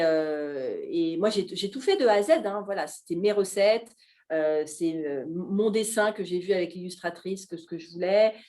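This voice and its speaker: Middle-aged woman, Alsace-born chef guest; lively, halting café-talk delivery. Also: lowish voice. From Alsace, France. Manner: animated, hesitant with many fillers. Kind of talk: casual talk at a live café event.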